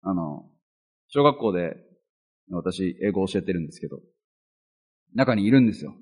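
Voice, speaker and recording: A man's voice: low-pitched, expressive, moderate pace, darkish tone, husky. A male pastor giving a chatty, earnest Bible teaching, with self-deprecating asides.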